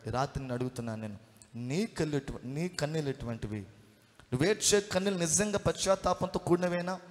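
A fervent man preaches in a voice pitched a little high. He throws out questions, answers them himself, and keeps urging the crowd to praise. His voice rings out with a long reverb behind it. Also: expressive, fast talker. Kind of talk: sermon.

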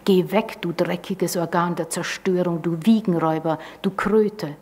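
Woman reading as desperate fierce desert woman, defiant, husky, lowish. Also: steady tone, normal speed, a little mellow. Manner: intense, breathless defiance.

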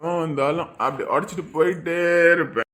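A man's voice: a little high, steady tone, fairly quick, a bit bright, natural voice. A man playing a blustering newlywed. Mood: drunken bravado. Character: boastful newlywed man, cowed by his wife. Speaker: new son-in-law. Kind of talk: web drama acting.

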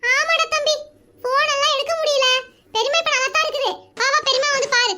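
Woman doing a snippy sister-in-law, very high and bright, quick digs. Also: fairly even intonation. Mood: needling. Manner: needling, sarcastic. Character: sharp-tongued older sister-in-law, taunting woman.

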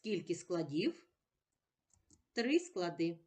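A woman teaching a special-education lesson at a very slow, deliberate pace. She sounds out each word patiently, and her pitch lifts and falls a lot as she coaxes the class along. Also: big pitch swings, a little mellow. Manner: patient, drawn-out, sounds words out one by one.

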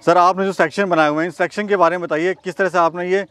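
A middle-aged man interviewing a farmer outdoors, asking brisk, prompting questions and addressing viewers directly. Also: high-pitched, fairly even intonation, fairly bright tone, slight background noise. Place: outdoor farm among chickens. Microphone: handheld mic at mid distance. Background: chickens clucking and crowing.

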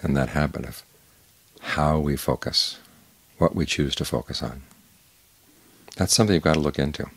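An older man, a Buddhist monk, giving a calm, measured evening Dhamma talk with unhurried pauses and a husky voice. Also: very deep voice.

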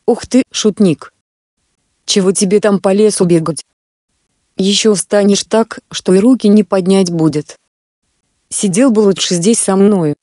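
A woman's voice: mid-range voice, measured pace, long pauses, dark tone, no room sound, lightly acted. A woman voicing a weary old peasant father who fusses at his son in a read-aloud fairy tale, recorded dry. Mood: fussing.

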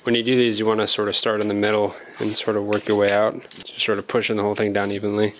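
A man's voice: on the low side, completely flat delivery, fast talker, fairly bright tone. A young man with a laddish, casually sweary bro manner, chatting casually as he works on cars. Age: young adult. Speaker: car channel host and mechanic. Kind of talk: casual chat while working on a car. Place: home garage. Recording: clattering tools and noise in garage.

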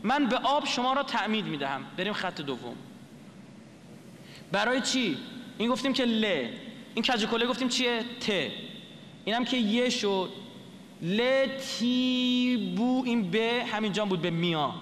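A man's voice: high voice, lively intonation, a bit bright, long reverb tail, slight background noise. A man lecturing to an audience, explaining a script letter by letter and asking the listeners questions.

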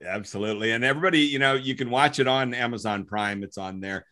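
A man's voice: medium pitch, quick pace, sharp tone. A man hosting a casual conversation, upbeat as he wraps things up and thanks his guests. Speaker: host.

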